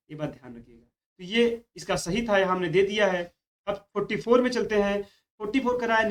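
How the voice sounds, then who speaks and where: High-voiced man teaching Hindi spelling. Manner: explains each spelling slowly, repeats "keep this in mind". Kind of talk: spoken exam-prep lesson.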